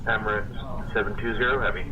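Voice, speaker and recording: A man's voice: fairly low pitch, fairly even intonation, a little fast, dull audio. A man speaking in clipped aviation phraseology over the radio. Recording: very loud aircraft noise on radio.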